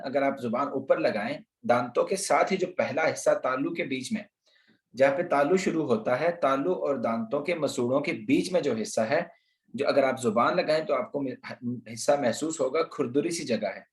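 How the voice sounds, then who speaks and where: A man's voice: medium pitch, moderate pace. A man teaching Quran pronunciation in an online lesson, patiently explaining and repeating letter sounds for practice. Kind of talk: slow online tajweed lesson. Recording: roomy echo.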